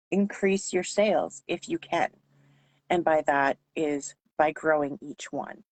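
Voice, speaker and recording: Low-voiced, hoarse woman giving informal training. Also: no echo, poor audio. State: losing her voice, hoarse. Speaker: sales trainer for direct-selling consultants. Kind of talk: informal training talk, explaining tips.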